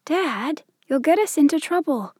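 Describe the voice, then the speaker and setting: An unsure young fairy speaks earnestly and hesitantly in a storybook reading, as a woman puts her on. Her voice lifts a bit higher and sounds dry and close. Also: animated, measured pace, a little mellow, no echo.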